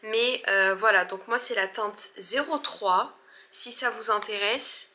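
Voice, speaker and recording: A woman's voice: medium pitch, slow, bright, forceful tone. A woman in her twenties casually showing off her beauty purchases, chatty and hesitant, full of fillers and restarts, gushing over the products. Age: 20s. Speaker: beauty vlogger. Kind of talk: casual haul vlog.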